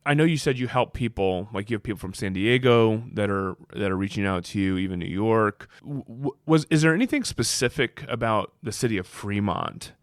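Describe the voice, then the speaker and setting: Podcast host, male, lowish pitch, friendly interviewer, dry mic. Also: a little fast, hardly any pauses, dry recording. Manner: friendly, many affirming backchannels. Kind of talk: casual interview chat.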